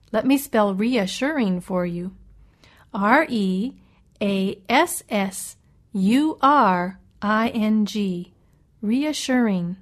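Patient woman teaching words slowly. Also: on the high side. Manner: patient, spells words out letter by letter; asks the listener gentle questions. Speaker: English vocabulary teacher. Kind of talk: slow explanatory reading lesson.

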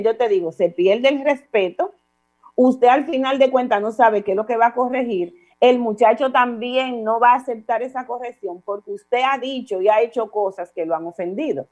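Dominican woman with a higher voice giving parenting advice. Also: normal speed. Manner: calm, didactic, addresses listener formally with repeated examples. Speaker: parenting counselor guest. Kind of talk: advice talk on a radio or online show.

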